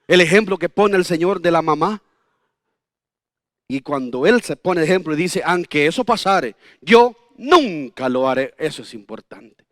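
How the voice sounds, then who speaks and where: A pastor in his fifties with a notably high voice delivers a sermon, swinging between homely anecdotes, little jokes and rhetorical questions to the congregation. The recording is dry and close, with almost no room sound. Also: animated, normal speed, fairly bright tone, no echo. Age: 50s.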